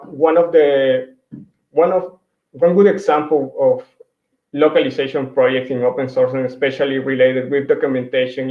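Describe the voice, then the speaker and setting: A man from Mexico, whose first language is Spanish, walks through slides in a virtual tech talk at an ordinary pitch. He's a hesitant conference speaker, often restarting and filling pauses. A computer mic on a video call captures him in an echoey room, and the sound is somewhat dull and lo-fi.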